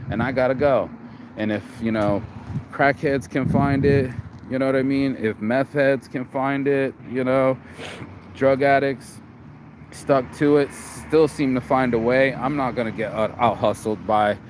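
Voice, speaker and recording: A tired man from Las Vegas, vlogging in a casual, rambling monologue with profanity and many restarts and repeated words. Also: medium pitch. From Las Vegas, USA. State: tired, low energy. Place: outdoors in a city. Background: street and traffic noise.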